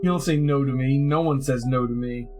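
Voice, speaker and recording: A man's voice: mid-range voice, a little fast, darkish tone, close to an everyday voice. A leering village bully boy taunts with a sneer in a storybook read-aloud, voiced by a man. His jeers come in a plain middle register with faint music behind.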